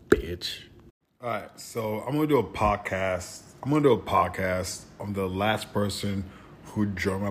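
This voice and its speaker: A man in his late thirties rants on his podcast with blunt, aggressive conviction, swearing at every turn. His voice sits fairly low, and a faint hum of ambience lingers behind him. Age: 30s. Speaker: podcast host. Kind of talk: profane monologue rant.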